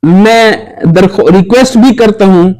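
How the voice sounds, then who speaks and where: High-voiced man giving an earnest religious talk. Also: darkish tone, low-quality recording. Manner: earnest, urging listeners. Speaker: spiritual teacher.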